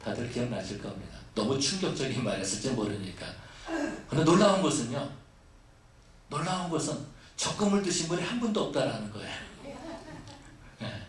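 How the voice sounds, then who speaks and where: A man's voice: medium pitch, big pitch swings, brisk, a little hiss or hum. A man preaching a sermon as pastor, breaking from plain storytelling into fervent, prayer-like appeals. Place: church sanctuary. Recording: echoey church hall from far off.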